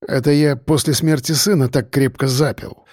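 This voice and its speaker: A man voicing a grieving middle-aged father who is bitter and vengeful, talking hoarsely in tearful outbursts. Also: fairly even intonation, normal speed, darkish tone, no room sound, clean studio sound, lightly acted. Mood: weary confession. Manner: hoarse, swings from muttering to shrill outbursts.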